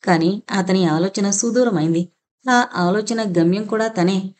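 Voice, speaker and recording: A woman narrating an audio novel in a steady, measured storytelling manner. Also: medium pitch. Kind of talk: scripted narration.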